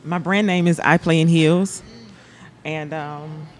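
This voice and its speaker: A woman's voice: low voice, fairly even intonation, slow, a little hiss or hum. A woman with a country Southern US accent, chatting casually as a drummer and podcast guest. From Alabama, United States. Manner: country-sounding way of talking. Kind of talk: casual chat.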